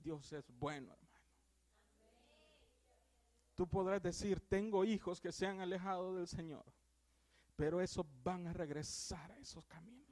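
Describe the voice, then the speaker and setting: High-voiced Salvadoran preacher, fervent and dramatic. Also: male voice, normal speed, pauses often. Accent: Salvadoran Spanish. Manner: swings from loud exclamations to hushed, earnest tones. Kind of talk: sermon.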